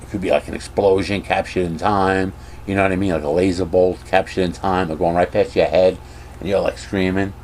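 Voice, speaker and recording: Man, casual rant, rambling, opinionated, lowish voice, faint background hiss. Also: flat delivery, brisk, darkish tone. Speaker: vlogger.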